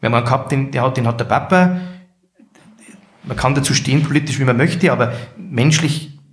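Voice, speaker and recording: Recorded in an echoey room, a middle-aged Bavarian-accented man speaks briskly in a mid-range voice. He's a care home managing director guesting in an interview, sharing anecdotes in an earnest, reflective way.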